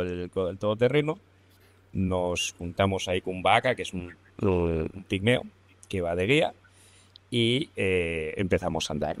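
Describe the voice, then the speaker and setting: Lively storytelling man with Spanish accent. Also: deep voice, dry recording. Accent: Spain Spanish. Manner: lively, laughs often, colloquial swearing. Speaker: podcast guest. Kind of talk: casual storytelling.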